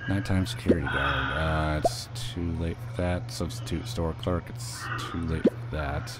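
A man's voice: rumbling low, fairly even intonation, measured pace. A man casually commenting while playing a video game, rambling and joking as he reads the screen text aloud. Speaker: gaming video host. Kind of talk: casual let's play commentary. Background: loud game music.

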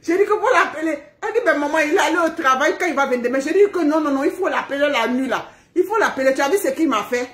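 A middle-aged woman hosting a live stream from home, chatting casually to her viewers, animated and laughing as she acts out family quarrels. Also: high voice, fast talker, hardly any pauses, reverberant. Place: at home, indoors.

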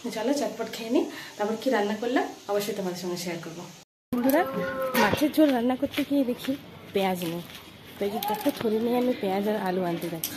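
A woman's voice: mid-range voice, lively intonation, fast talker, heavy background noise. A woman vlogging her daily chores, chatting to viewers step by step as she films on a phone. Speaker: home vlogger and mother. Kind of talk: casual daily-life vlog narration. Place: at home and out shopping.

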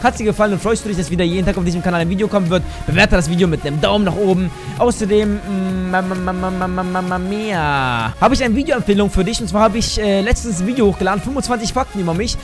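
A man giving live commentary on a shooter game, excitable, exclaiming and cursing as he plays. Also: high-pitched, rapid-fire, hardly any pauses, over music. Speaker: gaming YouTuber. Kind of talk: live let's play commentary.

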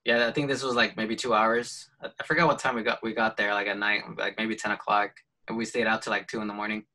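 Guest, male, bright tone, halting and modest, webcam mic at home. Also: fairly low pitch, little pitch movement, rough recording. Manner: hesitant, full of fillers and restarts, laughs lightly. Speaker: photographer guest. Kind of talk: casual video call chat.

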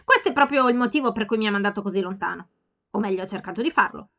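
A woman's voice: medium pitch, lively intonation, very fast, fairly bright tone. A woman reading aloud and voicing a blunt, outspoken young woman who insistently scolds her older sister, in a slightly dull home recording.

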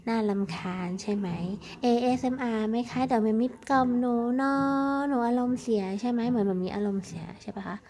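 A woman speaking quietly and gently to her pet cat in soft baby talk. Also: a little high, brisk, hardly any pauses. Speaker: cat owner vlogger.

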